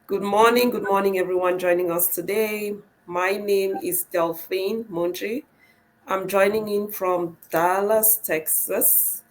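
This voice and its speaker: A woman guesting on a podcast, hoarse from a cold, chatting in a relaxed way. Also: mid-range voice, measured pace, slight background noise, rough recording. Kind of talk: casual chat.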